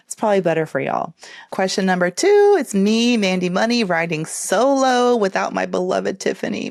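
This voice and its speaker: A woman's voice: lowish voice, no echo, clean studio sound. A woman podcast host giving casual career advice in a chatty, encouraging way with playful asides.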